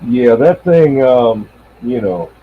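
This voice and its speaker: An older American man in his 70s, a CB radio operator and live streamer, rambles casually in a radio chat. His mid-range voice is expressive and breathy-edged, and he takes it slowly. The audio is tinny and band-limited like radio, with faint noise.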